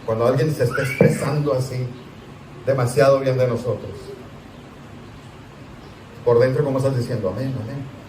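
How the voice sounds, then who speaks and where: A man, a pastor, teaching a Sunday school class in a conversational, animated way, asking his listeners rhetorical questions. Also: mid-range voice, normal speed, long pauses, slight background noise. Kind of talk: sermon teaching. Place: church hall. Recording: echoey church room, distant mic.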